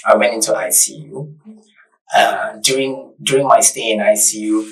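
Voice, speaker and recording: A man's voice: on the low side, steady tone, moderate pace, distant mic, rough recording. A man in his thirties from Malaysia, a podcast guest telling his story in an earnest, reflective way. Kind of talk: casual interview conversation. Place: bright studio set.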